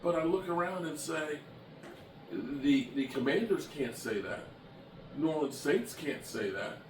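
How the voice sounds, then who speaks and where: A man's voice: on the high side, expressive, measured pace, a little mellow. A man in his late fifties chatting bluntly and emphatically as a sports vlogger, shifting from annoyed to heartfelt. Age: 50s. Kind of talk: casual chat to camera. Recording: echoey room from a distance with background noise.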